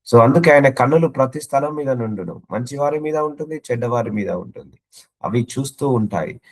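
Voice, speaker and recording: A man preaching an earnest sermon, stacking repeated phrases into rhythmic lists and reading out scripture verses. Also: medium pitch. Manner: earnest, exhorting.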